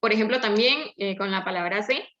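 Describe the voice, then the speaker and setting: Speaking a little fast, a student presenter delivers a faltering class talk packed with fillers. She is a young woman whose Latin American Spanish accent uses seseo, her mid-range voice has a slightly bright tone, and the recording sounds dull and lo-fi.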